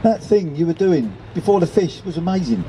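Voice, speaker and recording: Bloke voicing a keen little pigeon, eager and excited, way up high, dark mellow tone. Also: male voice, a little fast, faint music behind, lightly acted, low-quality recording. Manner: eager, excited, a bit shy.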